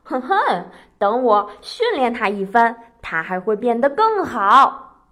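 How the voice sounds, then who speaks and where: Sly, boastful cartoonish rabbit boy, bright high voice, voiced by a woman. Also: sing-song, slow, full character voice. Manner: playful and boastful. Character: sly, clever little male rabbit trickster.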